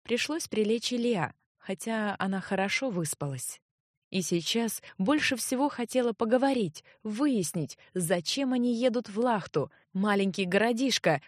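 A woman narrating a fantasy audiobook reads her script evenly and at a measured pace. The dry, studio-quality recording captures her medium-pitched voice.

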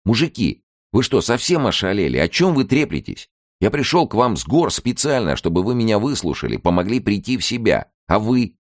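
A man voicing an indignant, high-strung male secret-police colonel in an audiobook, shouting in outrage. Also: sing-song, moderate pace, no echo, studio quality.

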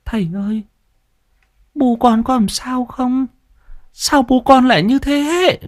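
A grieving young woman who speaks in a soft, teary plea, as a storyteller puts her on. Her voice is raised high and slow. The sound is dry and close. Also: dry recording. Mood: tearful. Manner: tearful, pleading.

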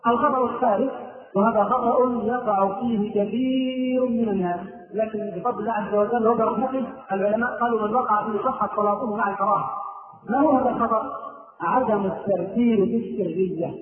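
High-voiced Egyptian sheikh in an echoey room. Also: male voice, quick pace. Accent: Egyptian Arabic. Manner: explains step by step, often sings out the phrases he corrects. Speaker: sheikh teaching prayer rules. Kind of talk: religious lesson. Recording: echoey, distant, tinny phone-like sound.

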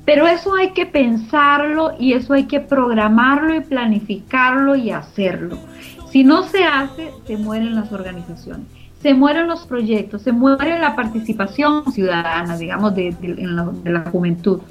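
Lively in intonation and moderate in pace, a high-ish voice belongs to a middle-aged woman with a Costa Rican Spanish accent. She co-founded a community radio organization and, in this interview, answers with earnest emphasis and repeated phrases. Music plays behind muffled, lo-fi audio.

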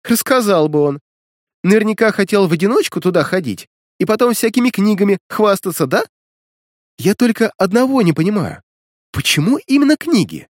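A man's voice: high-pitched, sing-song, brisk, dry recording, clean studio sound, pitched above the performer's own voice. A man reading an audiobook voices a sarcastic, mocking young woman student who scolds and teases the hero.

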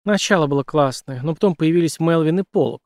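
A man voicing a young woman doctor shaken by nightmares, his pitch raised and tense. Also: fast, darkish tone, no room sound, clean studio sound, natural voice. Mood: weary.

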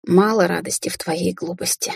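A woman's voice: lowish voice, fairly even intonation, moderate pace, vocal fry, a little mellow, breathy edge, no echo, studio quality, heavily acted. A woman reading an audiobook, voicing a grumbling, defensive mother who is a middle-aged sorceress.

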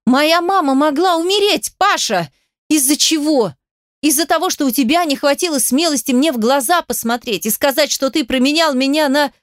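Brief: woman reader playing a heartbroken young ballerina, shrill, sobbing, shouting, high and close. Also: moderate pace, no room sound, lightly acted. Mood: hysterical. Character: young woman, a ballerina, screaming at her betrayer.

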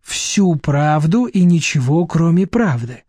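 A man voicing a stern, shrewd middle-aged woman who speaks slowly and cuttingly. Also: fairly high pitch, lively intonation, a little mellow, no room sound, clean studio sound. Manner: slow, cutting, steely.

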